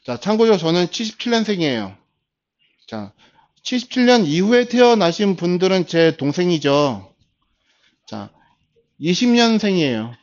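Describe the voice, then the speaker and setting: A man's voice: high voice, sing-song. Patient man lecturing, lo-fi recording. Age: 40s. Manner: starts phrases with a drawn-out filler, slow and patient. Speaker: instructor. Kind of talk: classroom lecture.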